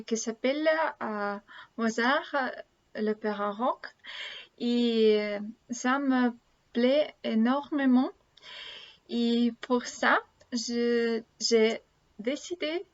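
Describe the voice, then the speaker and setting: Woman in her thirties, Russian accent, higher-pitched voice, halting learner delivery, casual vlog monologue, dull lo-fi recording. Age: 30s. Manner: halting, searching for words. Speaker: language-learning vlogger. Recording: dull lo-fi sound.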